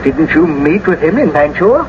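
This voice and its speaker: An actor playing an anxious, devout friar in a classical radio drama. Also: male voice, fairly high pitch, sing-song, moderate pace. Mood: urgent. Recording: muffled, noisy old radio broadcast.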